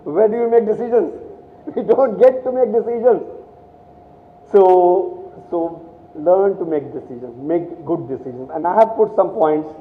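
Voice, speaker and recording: A man's voice: sits high, measured pace. A man from India giving a motivational speech to students, telling stories animatedly with many restarts and repeated words. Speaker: guest speaker at a college. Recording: echoey hall, thin phone-like sound.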